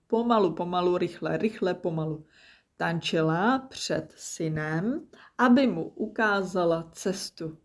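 A woman reads a children's story aloud in a gentle, soft-spoken way. Her voice sits a little low and stays quiet.

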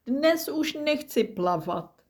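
A woman voicing a small, timid boy penguin who is cold and scared, speaking in a high, pleading voice. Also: lively intonation, a little mellow, close to an everyday voice.

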